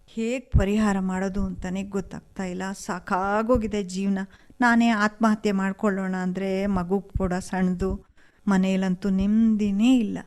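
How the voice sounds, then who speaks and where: A woman's voice: mid-range voice, warm tone, natural voice. An actress playing a young married woman who speaks with emotional, pleading urgency in a radio play. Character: desperate young married woman, daughter-in-law. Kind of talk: radio drama acting.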